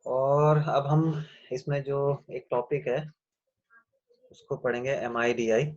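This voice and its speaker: A man teaching a class over a video call, explaining slowly and answering his own questions. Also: mid-range voice, fairly even intonation, a little mellow, lo-fi sound. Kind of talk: online class lecture.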